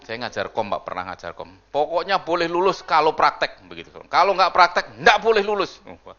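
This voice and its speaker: Animated male pastor preaching. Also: fairly high pitch, fairly quick, highs cut off. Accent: Indonesian. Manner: animated, swings between soft asides and loud exclamations, laughs often. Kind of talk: sermon.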